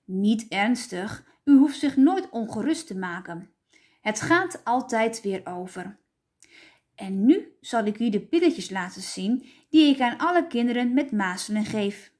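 Woman voicing a measured TV doctor, formal, very slow. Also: on the high side, lively intonation, a little mellow. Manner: measured, addressing an audience. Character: formal, reassuring male doctor on television.

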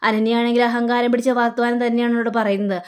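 A woman's voice: on the high side, level tone, quick pace, smooth. A woman chattily retelling a TV serial. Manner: chatty, acting out dialogue. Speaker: TV serial reviewer. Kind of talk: casual plot retelling.

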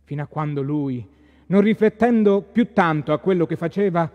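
A man giving a measured staged reading of a literary story in a library hall. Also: a little high, highs cut off. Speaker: stage reader.

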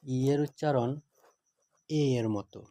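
Slow, measured male grammar teacher. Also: mid-range voice, dark tone, dry recording. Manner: measured, word-by-word dictation with translations.

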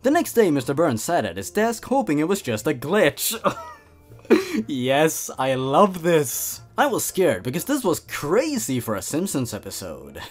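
Reading a comedic story for his creepypasta channel, this man reacts theatrically and with amusement, chuckling between lines. His slightly high, husky voice swings hugely in pitch and moves a little slowly, with faint music behind him.

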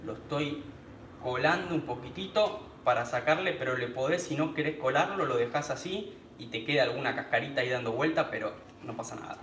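A man's voice: medium pitch, brisk, a bit bright, reverberant, slight background noise. A man with a Rioplatense Spanish accent hosts a live cooking stream, chatting as he cooks and greeting viewers by name. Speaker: cooking channel host. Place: small home kitchen.

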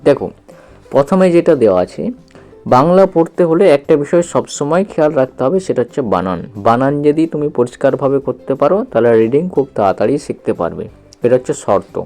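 A man teaching a basic reading lesson, slowly spelling out each syllable and asking the learner questions as he goes. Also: mid-range voice, big pitch swings, mellow, soft background music. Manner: slow, repetitive, patient explaining with questions to the learner.

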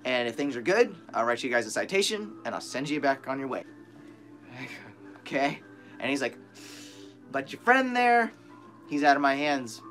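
A young man vlogging from a small bare room, animated and profane as he retells a tense story to a close camera. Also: medium pitch, normal speed, pauses often, faint music behind.

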